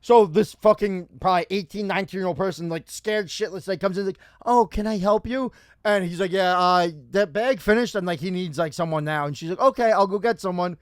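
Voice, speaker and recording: A man co-hosting a podcast, telling a story in a casual, animated way, swearing often and acting out what people said. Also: sits high, a little fast, clean tone, no room sound, studio quality. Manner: animated, swears a lot, acts out quotes. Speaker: podcast co-host.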